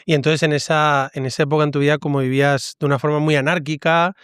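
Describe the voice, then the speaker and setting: Smooth-voiced priest hosting an interview. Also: male voice, a little high, flat delivery, quick pace, no echo, clean studio sound. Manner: warm questioning with tag questions. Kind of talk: conversational interview.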